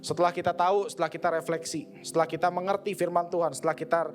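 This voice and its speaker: Seorang pria berlogat Jakarta berkhotbah dengan santai dan akrab, sering memerankan percakapan dengan dirinya sendiri. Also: male voice, fairly high pitch, flat delivery, rapid-fire, faint music behind. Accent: Jakarta Indonesian. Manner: conversational, slangy, acts out inner dialogue. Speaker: preacher. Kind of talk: casual sermon. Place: church service.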